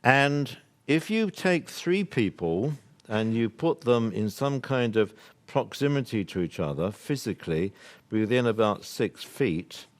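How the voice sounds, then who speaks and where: An older British man delivers an earnest, rambling workshop talk to a live audience, his medium-pitched voice animated and a little slow. He's emphatic, often laughing and restarting his sentences.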